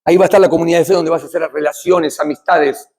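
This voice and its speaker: A middle-aged Argentine man with a Rioplatense accent gives a talk on addiction in church. His voice sits high for a man and has a husky, breathy grain. He talks to the room like a conversation, asks questions, and moves from loud to hushed. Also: fairly even intonation, rapid-fire. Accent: Rioplatense Spanish. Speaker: addiction recovery speaker.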